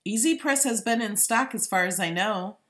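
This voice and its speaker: A woman's voice: medium pitch, normal speed, a bit bright. A woman hosting a live stream, talking casually and thinking aloud as she replies to viewers. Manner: chatty, informal, thinking aloud.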